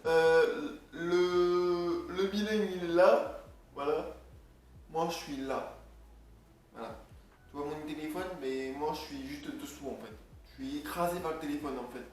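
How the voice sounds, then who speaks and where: A man's voice: a little high, fairly even intonation, measured pace. A young man casually vlogging, rambling and joking while reading from his notes. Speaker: video creator. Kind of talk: casual vlog talk. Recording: echoey room, far from mic, faint noise.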